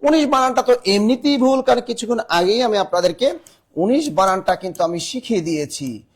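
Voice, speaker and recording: A male teacher with a Bangladeshi Bengali accent leads a live online spelling class, spelling words letter by letter and briskly pressing students to answer fast. His voice is high-pitched yet husky, with a darkish tone.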